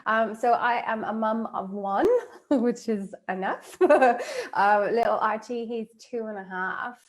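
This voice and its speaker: A woman's voice: fairly high pitch, fairly even intonation, unhurried. Chatty woman on a video call. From Northern Ireland. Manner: chatty, laughs often, many fillers. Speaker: guest, life coach. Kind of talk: casual interview chat.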